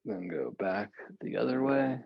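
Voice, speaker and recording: A calm male meditation and yoga guide, seated on a meditation cushion at home, gives guided breathing and stretching instructions in a low, husky, unhurried voice with relaxed casual asides. The home recording is dull and lo-fi, with no echo.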